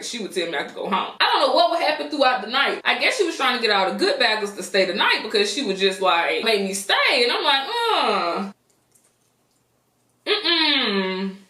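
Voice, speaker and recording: A woman's voice: on the high side, sing-song, fast talker, hardly any pauses, bright, forceful tone. An American woman telling a casual, slangy story while eating, animatedly acting out what people said. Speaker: storytime mukbang vlogger. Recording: roomy echo, faint music behind.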